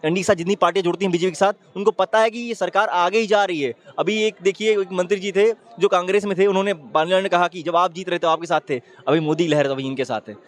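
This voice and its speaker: A man with a high voice makes his case in a street opinion interview. He talks fast and emphatically, piling point on point, and keeps urging the listener to look. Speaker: interviewee giving public opinion.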